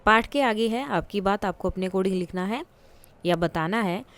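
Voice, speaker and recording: A woman's voice: mid-range voice, normal speed. A woman teaching a school textbook lesson, explaining patiently step by step with examples and questions to the class.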